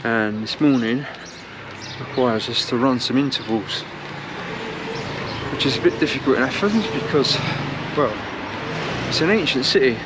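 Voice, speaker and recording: A man's voice: medium pitch, a little slow. A man talking casually to camera outdoors, explaining things as a running vlogger. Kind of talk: casual vlog talk to camera. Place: outdoors on city streets. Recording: outdoor urban traffic noise.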